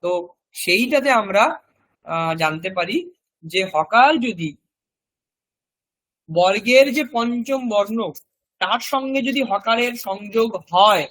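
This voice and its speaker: A male teacher gives a recorded class lecture. His voice sits high and rings bright. He works through each point methodically, saying example words again and again at a slow drilling pace. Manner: explains step by step and repeats example words slowly for drill. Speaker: language teacher.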